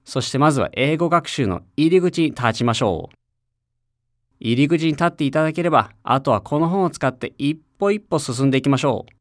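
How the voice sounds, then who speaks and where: A man's voice: a little high, animated, brisk, no echo, clean studio sound. A man from Japan, an English teacher, narrating a scripted lesson for an audio CD and encouraging listeners to repeat after him.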